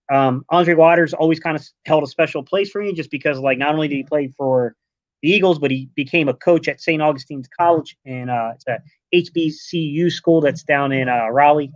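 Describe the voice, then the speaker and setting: A man in his late thirties from Delaware chats casually as a podcast guest. His voice sits fairly high, and he talks in a relaxed, rambling way, tossing in "man" often. The sound is dry and dull, like a lo-fi online call. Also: normal speed, no room sound. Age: 30s. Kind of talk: casual sports chat.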